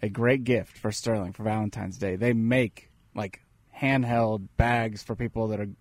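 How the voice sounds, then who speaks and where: A man's voice: on the low side, steady tone, moderate pace, no room sound. A man co-hosting a radio show, chatting in a laid-back, matter-of-fact way. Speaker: radio co-host. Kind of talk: casual sports radio chat. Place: studio.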